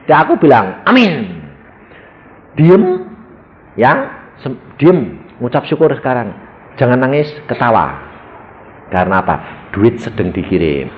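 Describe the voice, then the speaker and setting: A male pastor with a Javanese accent preaching a sermon, telling stories animatedly and swinging from loud exclamations to hushed asides. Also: medium pitch, very animated, normal speed, long pauses, dull audio, a little hiss or hum. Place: church.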